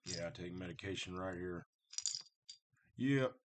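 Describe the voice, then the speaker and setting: A man's voice: low-pitched, measured pace, background noise. A man talking casually and unscripted to his viewers, rambling and circling back on himself, blunt and direct. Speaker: vlogger talking about Satanism.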